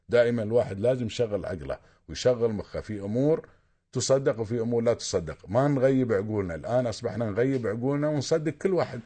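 Fast-talking Emirati man lecturing listeners. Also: medium pitch, warm tone. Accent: Emirati Arabic. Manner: insistent, lecturing, repeats himself. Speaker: caller. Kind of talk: radio call-in advice.

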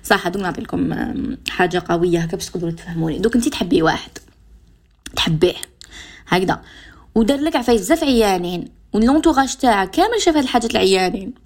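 A woman's voice: medium pitch, animated, racing. A woman radio host with an Algerian Arabic accent, giving advice straight to her listeners and mixing French and English words into her talk. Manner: addresses listeners directly, giving examples.

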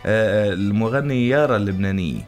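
A man with a Lebanese Levantine accent talks very quickly over background music. He hosts morning radio in a playful, teasing, casual way. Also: lowish voice. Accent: Lebanese Arabic. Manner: animated, teasing, often laughing. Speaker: radio morning show host. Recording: music bed under studio voice.

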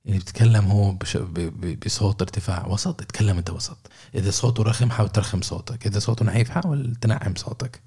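Saudi guy running a sales lesson, low husky voice, talks quick and chatty. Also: dark tone. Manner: chatty, explains with made-up example dialogues. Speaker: sales trainer. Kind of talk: informal training talk.

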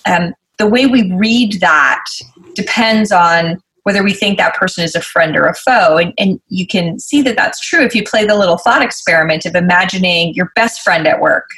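A woman's voice: on the low side, moderate pace, a bit bright, low-quality recording. A woman guest in an interview, explaining conflict at work in an articulate, conversational way and acting out quoted emails.

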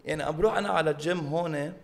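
Gravelly, higher-pitched Lebanese man chatting. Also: racing. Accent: Lebanese Arabic. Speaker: podcast co-host. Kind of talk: casual humorous chat, mixing in English.

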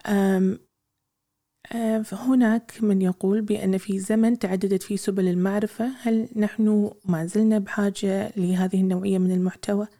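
A woman hosting an interview, asking questions calmly and giving short, measured affirmations. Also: mid-range voice. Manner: calm, measured, brief backchannel replies. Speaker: interviewer, host.

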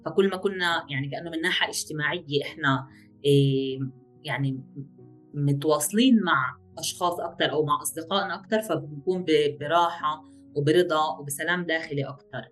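A woman with a Levantine Arabic accent speaks as a psychologist guest on a radio interview. Her voice sits fairly low, and she talks at a very rapid clip. Soft guitar music plays faintly behind her. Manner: rapid, explanatory, gives practical examples.

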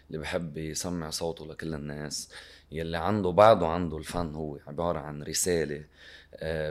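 A man with a Lebanese Arabic accent, answering as an interview guest in conversation and mixing in English words. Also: very deep voice.

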